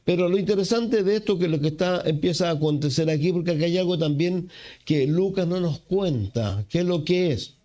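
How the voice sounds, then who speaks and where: A man from Chile preaching a sermon as pastor, unhurried, with fillers and self-corrections. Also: high voice, warm tone. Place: church.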